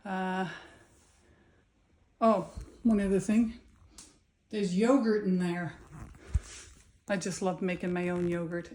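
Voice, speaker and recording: A woman's voice: medium pitch, a little mellow. A middle-aged woman in a casual, folksy video diary, talking plainly through everyday chores as if to family. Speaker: home vlogger. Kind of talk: casual chatty video diary addressed to their father. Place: outdoors in a garden, later indoors at home. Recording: clear ambient background noise.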